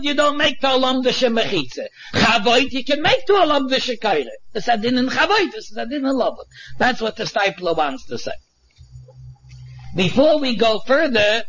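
A man's voice: high-pitched, a bit bright. A man with a Yiddish accent giving an informal Talmud lesson, explaining step by step and emphatically repeating his phrases. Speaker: Talmud teacher. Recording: dull, muffled lo-fi audio.

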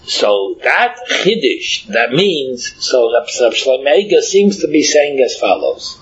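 A man with a rough, husky voice and Yiddish-inflected English gives a Talmud lecture, thinking aloud and often repeating words as he works through an explanation. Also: mid-range voice, very animated, fairly bright tone. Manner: halting, repeats words and restarts while explaining. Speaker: Talmud teacher. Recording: muffled, dull lo-fi recording.

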